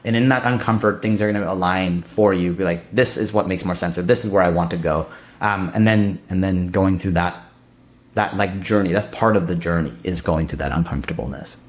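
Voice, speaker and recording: Man, thirties, podcast guest, quick casual talk, lowish voice, lots of fillers. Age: 30s. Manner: fast, loose, filler-heavy talk with many restarts. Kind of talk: casual conversation.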